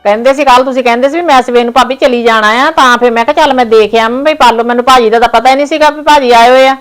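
An actress playing an elder sister-in-law who feels slighted and talks at length. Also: female voice, fairly high pitch, fairly even intonation, racing, faint music behind, natural voice. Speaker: actor in a family drama. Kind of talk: village family drama acting.

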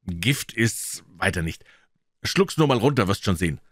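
A man's voice: unhurried, dry recording, studio quality. A man voicing a bold, clever boy in an audiobook, speaking in a raised, urgent voice. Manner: urgent, lively, raised pitch.

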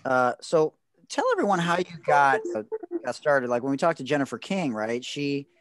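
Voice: mid-range voice, sing-song, normal speed. A podcast co-host asking an interview question, hesitant with fillers. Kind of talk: casual interview questions and scripted segment intro.

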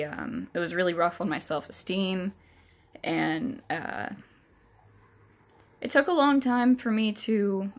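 A young woman with a slightly low voice talks casually to her camera in a small room. She has no upper teeth in, so her words come out with soft, gummy articulation. Her delivery is hesitant and halting, with plenty of pauses. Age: young adult. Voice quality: soft toothless articulation, without upper dentures. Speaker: vlogger. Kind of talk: casual personal update to camera. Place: small furnished room indoors. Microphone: phone or camera at arm's length.

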